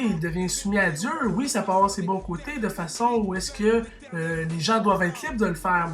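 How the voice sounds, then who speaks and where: A man's voice: high-pitched, bright, forceful tone. Impassioned Québécois man ranting. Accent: Québécois French. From Quebec. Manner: impassioned, argumentative, full of restarts and asides. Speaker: vlogger. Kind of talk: opinion rant to camera.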